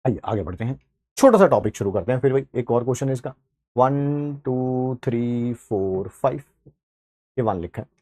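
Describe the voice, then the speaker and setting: A male chemistry teacher with an Indian accent runs an online class, chatting straight to his students and slipping English terms into his talk. His voice sits at an ordinary middle pitch. The sound is dry and close, with no room echo. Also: expressive, normal speed, a little mellow.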